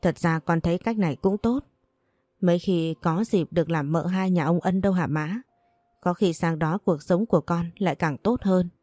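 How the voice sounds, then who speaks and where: A woman voicing a young daughter who calmly and firmly persuades her mother. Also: on the low side, normal speed, no room sound, clean studio sound, lightly acted. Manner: calm, firm, persuasive. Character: young daughter, resolute and self-sacrificing.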